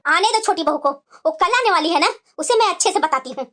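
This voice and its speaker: A woman's voice: extremely high pitch, animated, fast, fairly bright tone, faint music behind. A woman voicing a stern, bitter older mother-in-law in a cartoon, scolding and sarcastic.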